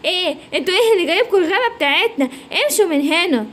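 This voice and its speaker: A woman's voice: very high voice, animated, racing, fairly bright tone. A woman with an Egyptian accent voicing a sassy young female giraffe in a children's story. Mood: bossy. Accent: Egyptian Arabic.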